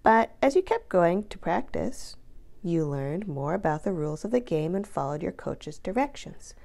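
With a slightly low, gravelly, creaky voice, a counselor narrates a picture book for children using very lively intonation. Her reading is deliberate and expressive, and she stretches out the important words for emphasis.

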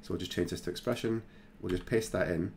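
Man, very low voice, gravelly fry, casual tutorial walkthrough, lots of ums, faint hum behind. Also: fast talker, darkish tone. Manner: casual, thinking aloud with many fillers. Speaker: tutorial host. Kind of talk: screen-recorded software tutorial.

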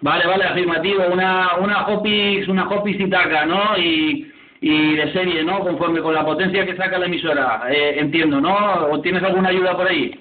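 A man with a fairly high voice talks over CB radio, friendly and casual, doubling his words and tagging his phrases as a radio operator. The sound is thin and tinny, with a loud hiss of static and an echoing ring around it. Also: steady tone, normal speed. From province of Alicante, Spain. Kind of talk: casual radio contact chat.

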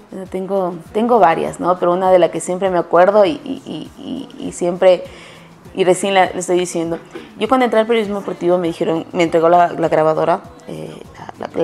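A woman sports journalist with an Ecuadorian Spanish accent answers interview questions casually and tells stories, often restarting and correcting herself. Her voice sits fairly low, with vocal fry and a slightly mellow quality.

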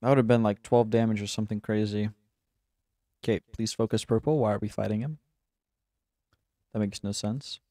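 A man's voice: on the low side, fairly even intonation, normal speed, long pauses, mellow, no echo, clean studio sound. A young man casually commenting while playing a game, chatty and laughing at himself. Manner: chatty, laughing, self-mocking. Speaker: gaming channel host.

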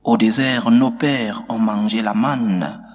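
A man leading prayers and reading the gospel as a priest, reciting slowly and solemnly. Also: lowish voice, soft background music. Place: church. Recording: long church reverb.

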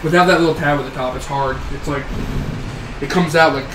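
A man co-hosting a podcast, joking loudly and swearing in casual banter with friends, laughing often. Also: fairly high pitch, fairly even intonation, a little fast. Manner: loud, crude and profane, laughs often. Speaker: podcast co-host. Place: small room indoors, fan running. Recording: echoey room with background noise.

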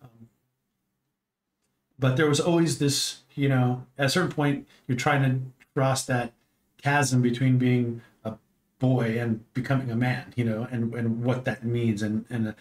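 A man's voice: mid-range voice, level tone, unhurried. Fifties man, guest on a home podcast, rambling talker with many restarts. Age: 50s. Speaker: podcast guest, host's father. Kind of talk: casual chat. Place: home streaming room.

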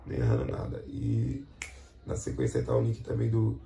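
A man's voice: lowish voice, big pitch swings, normal speed, vocal fry, dark tone. A man from Brazil hosting a casual vlog chat, slangy and plugging a sponsor link, tagging lines with "certo, rapaziada?". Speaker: host.

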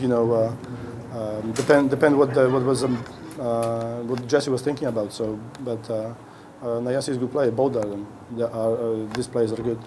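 Speaking into a stand-mounted podium mic in an indoor press room, a middle-aged head coach answers post-game questions in a mid-range voice. He is halting, with many restarts as he searches for words, and background noise is present.

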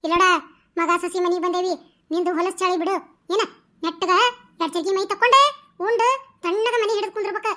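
A dramatic rustic village woman in a cartoon, played by a woman, chattering in a North Karnataka Kannada accent. Her voice sits very high and sounds bright and sharp. She tells her stories excitedly and scolds freely. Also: fairly quick, long pauses. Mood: scolding. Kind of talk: cartoon voice acting.

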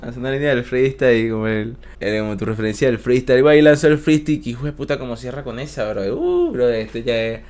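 Excitable Venezuelan man reacting, slangy. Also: medium pitch, quick pace, hardly any pauses. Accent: Venezuelan Spanish. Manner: slangy, excitable, keeps saying "brother" and "¿me entiendes?". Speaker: streamer reacting to rap videos. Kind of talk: casual reaction commentary.

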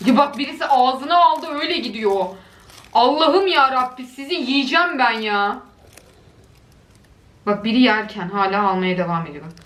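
On the high side and a bit bright, at a moderate pace, a woman video creator offers casual reaction commentary on funny videos. She chats along and coos doting exclamations, and the recording comes from an echoey room with faint noise.

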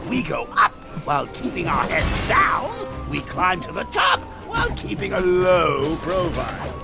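A theatrical clown villain from a video game, swooping wildly between high and low with a gravelly edge. He draws out his words in an erratic, mocking way, over loud music. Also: big pitch swings, a little slow, full character voice. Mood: gleeful, scheming. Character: manic theatrical clownish male supervillain. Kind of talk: video game cutscene acting.

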